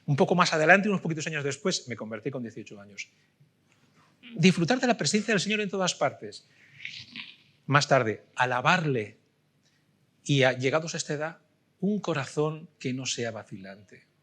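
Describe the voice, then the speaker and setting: A middle-aged man preaching a sermon, telling a story with loud bursts and soft asides. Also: on the high side, lively intonation, normal speed, long pauses.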